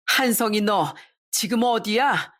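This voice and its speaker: A woman voicing an older mother-in-law who scolds and shouts in commanding bursts, reading a story aloud. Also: medium pitch, slow. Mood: furious scolding.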